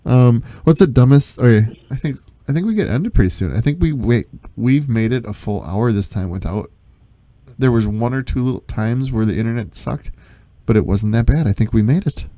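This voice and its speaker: A man's voice: mid-range voice, lively intonation, moderate pace, warm tone, no room sound. A man in his thirties hosting a casual podcast chat over an internet call, laughing often and restarting his sentences. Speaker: podcast host.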